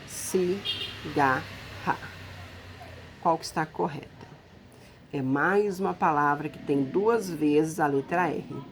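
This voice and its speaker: A woman teaching a recorded lesson in a low, deep-set voice. She speaks slowly and patiently, walking through each step and pausing to check that her students are following. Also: slight background noise.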